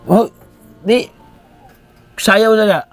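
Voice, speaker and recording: A man's voice: high-pitched, drawn-out words, dry recording, soft background music. A man hosting a vlog, chatting casually and teasing his guest outdoors at a rural house. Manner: playful, teasing. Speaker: vlogger host. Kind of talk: casual chat.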